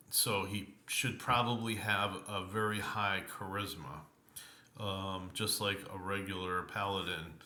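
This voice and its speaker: A man giving a relaxed spoken review of an old tabletop game book, slow and rambling, full of ums and uhs. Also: on the low side, reverberant. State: tired, yawning.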